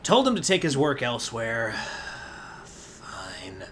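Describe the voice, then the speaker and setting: A man's voice: medium pitch, wildly swooping pitch, takes it slowly, fairly bright tone, slight background noise, voice pushed down, exaggerated voice. A man voicing a weary, put-upon bartender in a fantasy tabletop game, sighing as he talks. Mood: exasperated. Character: weary, exasperated male bartender of a fantasy tavern.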